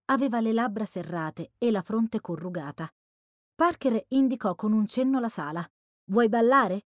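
A woman narrating a first-person novel in a measured audiobook delivery. Her pitch moves lively through the sentences while the sound stays dry and close, with no room echo. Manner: measured storytelling. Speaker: audiobook reader.

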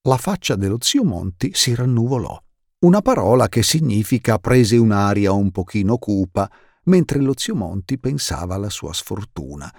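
A man narrating an audiobook in an expressive, wry storytelling manner, recorded close to the mic. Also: lowish voice, normal speed, dry recording.

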